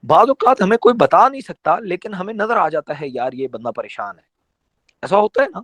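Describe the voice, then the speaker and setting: A man gives a motivational training talk to his team in an emphatic, conversational way. His voice sits fairly high and swings widely in pitch as he drives his points home with rhetorical questions. The sound is dry and close, with no room echo. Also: very animated, a bit bright. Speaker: network marketing trainer.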